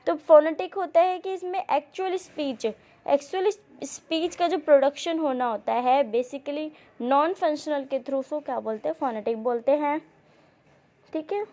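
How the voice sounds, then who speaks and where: High-voiced woman coaching exam students. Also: dark tone. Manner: explains with repeated checks and questions to students; reads English passages slowly and deliberately. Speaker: teacher. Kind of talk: exam-prep coaching lecture.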